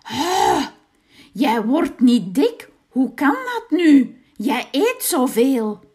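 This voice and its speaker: A woman voicing a cruel old witch with bad eyes, shrill and scolding, in a children's fairy tale. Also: very animated, drawn-out words, a little mellow, full character voice. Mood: wheedling.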